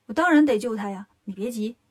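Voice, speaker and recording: A woman's voice: on the high side, animated, fast talker, a little mellow. A woman voicing a cocky, mischievous monkey king who teases and tricks his companion, in a storybook reading. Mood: teasing. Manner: cocky, teasing, sly.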